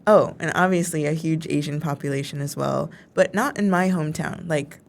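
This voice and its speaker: A woman's voice: low voice, normal speed, creaky. A young woman in her twenties from the Chicago suburbs, co-hosting a casual chat and filling her talk with "like". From Chicago suburbs, United States. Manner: chatty, heavy use of filler "like". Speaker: co-host.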